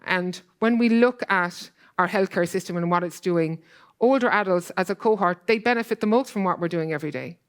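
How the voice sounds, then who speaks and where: A woman giving a conference talk, speaking earnestly and quickly, with many fillers like "kind of" and "like". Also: fairly low pitch. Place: conference hall.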